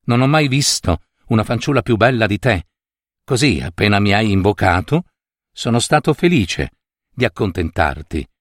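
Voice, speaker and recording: A gentle young star prince from a fairy tale, voiced by a man, soft and low-pitched. His voice has a lively melody and a dry, close sound. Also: normal speed, no room sound. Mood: tender. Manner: gentle, lowered voice.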